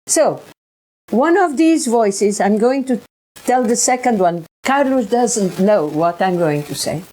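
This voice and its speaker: Slow, halting woman. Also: fairly high pitch, lively intonation, mellow. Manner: halting, repeats and restarts words. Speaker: researcher sharing experiences. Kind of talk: personal recollection monologue.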